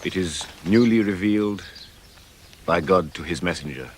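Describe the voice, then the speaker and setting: A man's voice: low-pitched, normal speed, slight background noise, natural voice. An actor playing a grown man solemnly reciting a newly revealed command, in a film drama. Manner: solemn, proclaiming.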